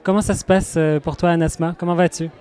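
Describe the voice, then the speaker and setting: A man's voice: a little high, level tone, quick pace, darkish tone, smooth, soft background music. A man interviewing a guest at a festival, asking friendly questions that sometimes stumble. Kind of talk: casual interview.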